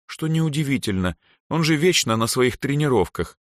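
A man voicing a shy, thoughtful young girl in a storybook reading, speaking softly and quietly. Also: medium pitch, animated, normal speed, no echo, studio quality, voice pushed up, close to an everyday voice. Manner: soft, quiet, reflective.

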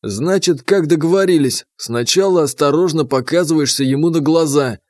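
A man's voice: a little high, normal speed, darkish tone, dry recording, studio quality, close to an everyday voice. A man doing a sly, mocking court official. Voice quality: sly, sardonic.

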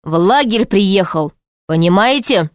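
A woman voicing an excitable young boy who pleads urgently in an audiobook story. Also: medium pitch, unhurried, dry recording, clean studio sound, close to an everyday voice.

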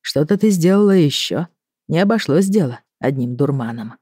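A narrator doing a grown man, a sly lute player and lord of thieves, dry and teasing and never in a hurry. The tone is mellow and low-key, read close to the mic with no room sound. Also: expressive, moderate pace, breathy edge, no echo. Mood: grim calm. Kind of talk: audiobook character voice.

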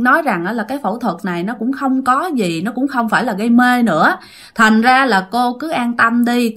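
A woman with a Southern Vietnamese accent narrating a ghost story in an unhurried way, with many drawn-out fillers. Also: mid-range voice, fairly bright tone.

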